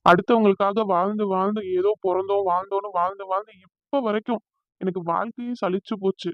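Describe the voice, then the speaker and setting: A hurt young man in a cartoon, voiced by a performer, pouring out bitter complaints at a fast clip. The recording is dull and lo-fi, with a dry, close sound. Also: mid-range voice, steady tone, no room sound, natural voice. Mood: despairing. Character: hurt, resentful young man about to marry.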